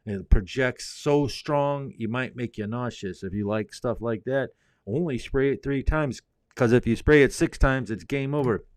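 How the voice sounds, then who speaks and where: A man's voice: mid-range voice, normal speed, no echo. A man hosting a fragrance livestream, reading viewer comments aloud and answering them in a laid-back, rambling, chatty way. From Indianapolis, US. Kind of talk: casual live chat reading viewer comments.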